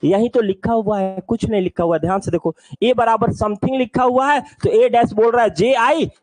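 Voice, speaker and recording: A man's voice: very high-pitched, moderate pace, darkish tone, no echo, poor audio. A man teaching an online maths class in a playful way. He keeps telling students to look carefully and asks the class questions.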